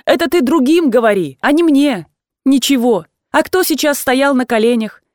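A woman's voice: sits high, lively intonation, normal speed, a little mellow, no room sound, studio quality, voice pushed up. A woman reading aloud and voicing an agitated, fussy old aunt who scolds and exclaims in a raised voice.

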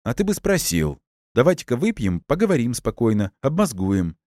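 A man's voice: medium pitch, very animated, moderate pace, a little mellow, no room sound, studio quality, voice pushed up, lightly acted. A man doing a nervous peacemaker. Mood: placating. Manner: tense, conciliatory. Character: nervous, placating middle-aged man.

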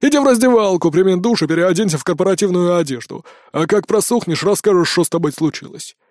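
Narrator voicing a friendly, rough-spoken orc boss, dry and close. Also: male voice, sits high, animated, quick pace, darkish tone, no echo. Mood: good-natured. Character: good-natured male orc office boss.

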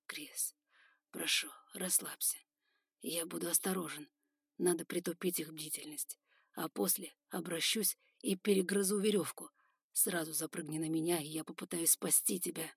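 A woman's voice: deep voice, steady tone, unhurried, slightly rough, dry recording, heavily acted. Brief: young male prince, read by a woman, pleading, raw, dry close audiobook sound. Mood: hushed. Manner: pleading loudly, then whispering gently. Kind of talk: audiobook character voice.

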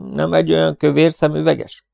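Férfi felolvasó hangján gúnyos, laza fiatal pisztolyhős. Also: male voice, medium pitch, lively intonation, creaky, darkish tone, no echo, clean studio sound. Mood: cool. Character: cocky, cool young man, gunslinger.

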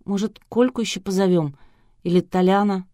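A good-natured man with a shady past speaks in an ingratiating way, as a woman reads him. The delivery is calm and dry. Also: medium pitch, normal speed, no echo, natural voice. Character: genial male ex-convict, ingratiating, middle-aged.

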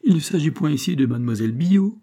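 A man's voice: fairly high pitch, expressive, fast, dark tone, pitched above the performer's own voice. A man voicing a clumsy sixteen-year-old boy who pleads tearfully with his aunt in a storybook reading. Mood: pleading.

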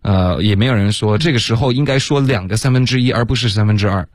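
A man teaching English pronunciation on a radio lesson, slipping English words into his talk and saying words over slowly. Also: fairly low pitch, no echo, clean studio sound.

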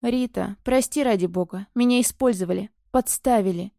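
Audiobook scene: a resentful young woman, pleading, then bitter and accusing, voiced by a female reader, dark and mellow, dry sound. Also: mid-range voice, normal speed, creaky, no echo, close to an everyday voice. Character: desperate, spiteful young woman, former friend.

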